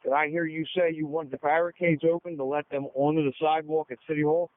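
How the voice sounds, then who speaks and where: A man's voice: fairly high pitch, steady tone, fast talker, dry recording. A man commanding police over the radio, blunt and emphatic, repeating his orders. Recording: tinny narrow-band police radio audio.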